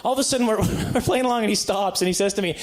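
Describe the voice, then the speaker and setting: A man does conversational stand-up comedy in a high-pitched, racing voice, rambling and tripping over words as he tells stories. The live stand-up recording has clear background noise.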